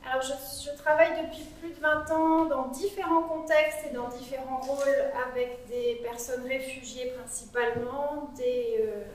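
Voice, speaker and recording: A female psychologist gives an interactive conference talk to a small audience in a cool meeting room, chatting conversationally and using "euh" often. Her high voice holds a fairly even intonation at normal speed with few pauses. She stands away from the mic in a very echoey space, with slight background noise.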